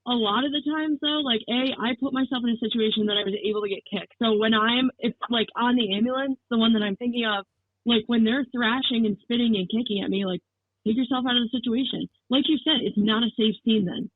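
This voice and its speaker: Podcast guest, plain and quick, tinny call audio. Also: mid-range voice, fairly even intonation. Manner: quick, matter-of-fact with "like" fillers. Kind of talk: casual podcast chat. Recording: tinny dry phone-like line.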